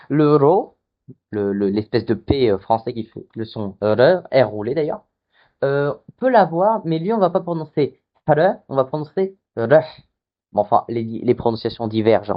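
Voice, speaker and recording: A man teaching an online lesson, explaining step by step with frequent fillers and restarts. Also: medium pitch. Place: hot room with a fan running. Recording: dull lo-fi mic. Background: fan noise masked.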